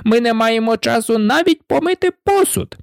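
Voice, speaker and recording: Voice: medium pitch, moderate pace, vocal fry, no echo, clean studio sound, voice pushed up. A reader voicing a rambling, eccentric hatter. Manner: rambling and excitable, with frequent hesitations. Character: mournful, eccentric hatter, male. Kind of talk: storybook reading.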